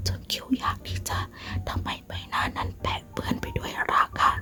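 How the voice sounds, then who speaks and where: ASMR storyteller, female, soft spa-style whisper throughout, halting delivery, music bed clearly audible behind her. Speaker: ASMR narrator.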